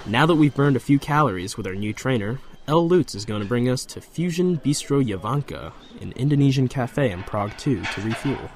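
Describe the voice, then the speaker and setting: A man hosting a travel show, presenting scripted links in an upbeat, lively way. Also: medium pitch, fairly quick, few pauses, slight background noise.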